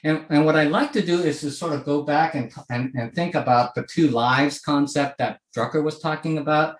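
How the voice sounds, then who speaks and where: Speaking at a normal pace in a slightly high voice, this Hong Kong man in his sixties presents to an online audience through a video call. The talk is conversational and reverberant, and he keeps asking "okay?" to check in.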